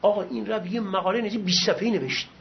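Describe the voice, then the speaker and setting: High-voiced middle-aged man teaching a class. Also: vocal fry. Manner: conversational, reminiscing, encouraging. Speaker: seminary teacher. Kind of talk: lecture with personal anecdotes. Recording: dull lo-fi recording with faint hiss.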